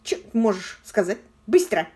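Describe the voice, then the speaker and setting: A woman's voice: medium pitch, big pitch swings, unhurried, warm tone, husky. A woman voicing a tough young female detective who barks short, slangy orders. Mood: bossy. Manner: brusque, barking, slangy.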